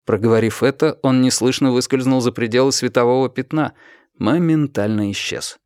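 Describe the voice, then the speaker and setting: A man reading an action novel as audiobook narration, in a steady, expressive way. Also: medium pitch, moderate pace, clean tone, dry recording, clean studio sound.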